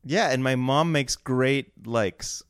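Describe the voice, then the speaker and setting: A man's voice: mid-range voice, slow pace, a bit bright, clean tone, no echo, studio quality. A man co-hosting a casual podcast, joking at his own expense and often laughing. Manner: jokey, self-deprecating, breaks into laughter. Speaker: podcast co-host. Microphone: remote call mic.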